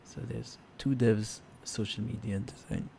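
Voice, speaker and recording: A man's voice: lowish voice, steady tone, normal speed. A man hosting a casual live stream, thinking aloud in a hesitant, unscripted way. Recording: clear background noise.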